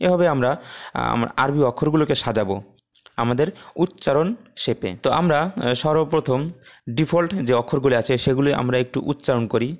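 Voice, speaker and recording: A man teaching a Quran recitation lesson, explaining calmly and drawing out each Arabic letter slowly. He speaks with a Bangladeshi Bengali accent. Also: mid-range voice. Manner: slow, drawn-out letter pronunciations between plain explanation.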